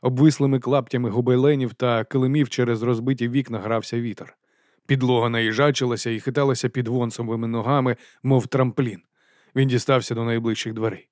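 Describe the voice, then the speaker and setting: A man narrating an audiobook in a steady, even reading voice. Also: mid-range voice, a little fast, no echo, studio quality. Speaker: audiobook reader.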